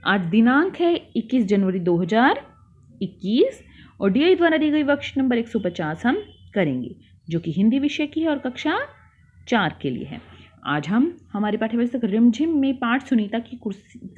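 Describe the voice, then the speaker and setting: A woman's voice: on the high side, very animated, normal speed, slightly rough. A young woman teacher taking children through a worksheet lesson, patient, explaining and repeating things. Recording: tinny phone-like sound.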